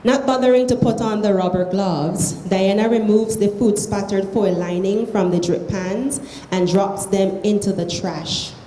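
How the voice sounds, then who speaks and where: A woman with a Belizean accent reads a short story aloud in a soft, mellow voice. The room rings with echo and there is faint noise behind the measured, expressive delivery. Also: medium pitch. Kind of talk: literary reading aloud of prose fiction.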